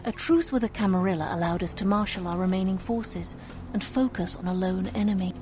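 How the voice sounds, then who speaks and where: A woman voicing a cold, scheming female vampire leader in a video game, speaking in a measured, formal, quietly threatening way, with music behind. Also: medium pitch, lightly acted.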